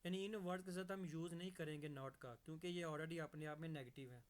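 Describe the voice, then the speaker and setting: A man teaching English grammar, who checks in often with the viewer and reads example sentences out slowly. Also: a little high, fairly even intonation.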